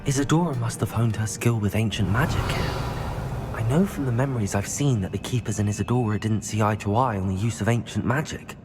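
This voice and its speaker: An actor playing a calm, earnest young male wizard student in a video game. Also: lowish voice, fairly quick, close to an everyday voice. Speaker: player character. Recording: game music behind.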